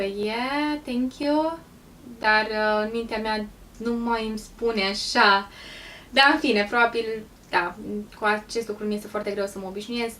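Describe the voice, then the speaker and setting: A woman from Romania telling stories in a casual vlog, chatty and pausing often with ums. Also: medium pitch, fairly bright tone, distant mic, a little hiss or hum. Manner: chatty, pauses with frequent ums. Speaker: vlogger.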